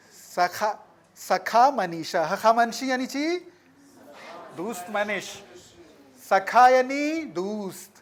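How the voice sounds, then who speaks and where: A man with a high voice teaches a class. He drags out key words and says them again. He keeps turning to the students with questions. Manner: explains slowly, repeats and stretches key words, asks the class questions. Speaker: Sanskrit teacher. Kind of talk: classroom lesson explaining words.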